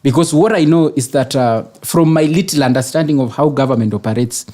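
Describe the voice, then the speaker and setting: A man with a Kenyan accent giving political opinions as a panelist, arguing deliberately in formal wording. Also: mid-range voice, warm tone.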